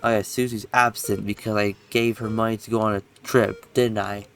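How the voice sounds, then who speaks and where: A young man reads a story game aloud with a gravelly, creaky voice. He keeps breaking off into rambling asides and corrects himself mid-sentence. Faint music plays behind him. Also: lowish voice, flat delivery, moderate pace, fairly bright tone. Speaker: game streamer. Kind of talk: reading game text aloud with casual commentary.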